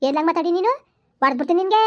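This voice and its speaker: A woman playing a quick-tempered village mother who scolds her son and complains to her husband on the phone. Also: expressive, lo-fi sound. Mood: scolding. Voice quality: high-pitched, rapid scolding. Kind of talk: village family skit.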